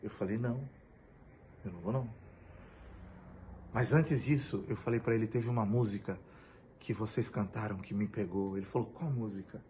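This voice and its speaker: A man's voice: on the low side, normal speed, long pauses, dark tone, a little hiss or hum. A middle-aged pastor from Brazil giving an emotional personal testimony, acting out the dialogue as he tells it.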